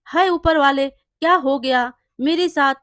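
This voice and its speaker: Brief: good-hearted village blacksmith man, read by a woman narrator, high, dry voice. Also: a little slow, a bit bright, no echo. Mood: distressed. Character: honest kindly male village blacksmith.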